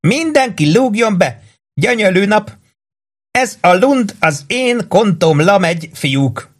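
A man's voice: high-pitched, expressive, voice pushed up. A man voicing a jovial, sweaty male bartender who garbles his consonants. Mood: beaming.

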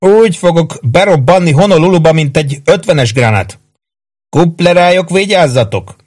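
A man's voice: fairly high pitch, animated, darkish tone, pitched above the performer's own voice. A man reading an audiobook, voicing a cocky, wisecracking young soldier at a card game. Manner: brash, needling, boastful. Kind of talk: audiobook character voice.

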